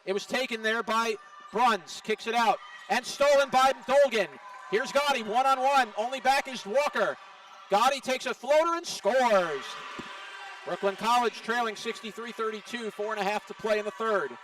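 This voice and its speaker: Excited high-voiced play-by-play man. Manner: rapid, excited calls of each play. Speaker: play-by-play announcer. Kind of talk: live basketball play-by-play. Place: college gym. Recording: distant mic with faint gym noise.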